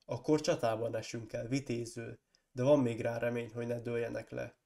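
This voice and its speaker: A man's voice: medium pitch, level tone, creaky, warm tone, lightly acted. A man with a cold, reading aloud and voicing a small young hobbit who answers in short, hesitant but firm replies. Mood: wary. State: hoarse from a cold.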